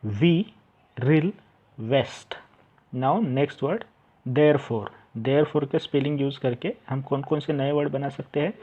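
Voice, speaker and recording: A man teaching an English textbook lesson, explaining in Hindi and English, reading words aloud slowly and repeating them. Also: medium pitch, breathy edge. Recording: dull lo-fi home recording.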